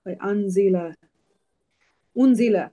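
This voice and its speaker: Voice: medium pitch, dark tone. Hesitant student on a class call. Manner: hesitant, fills pauses with hums. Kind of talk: asking questions in an online class.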